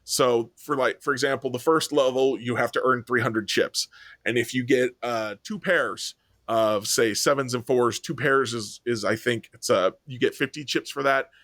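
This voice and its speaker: Man, podcast co-host, rambling casual chat, lots of ums, medium pitch, dry close sound. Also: normal speed, fairly bright tone, no echo. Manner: rambling with many ums and self-corrections.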